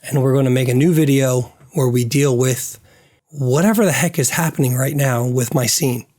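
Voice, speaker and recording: Working through a game-building session on screen, a game developer muses aloud, trailing off while his voice gives out. He speaks at a normal speed in a mid-range, slightly mellow voice.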